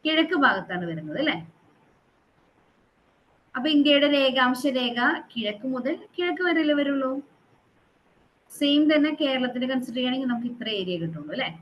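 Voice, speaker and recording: A woman's voice: fairly high pitch, dull audio, slight background noise. A woman teaching a geography class who quizzes her students and repeats the figures to drill them, mixing in English terms.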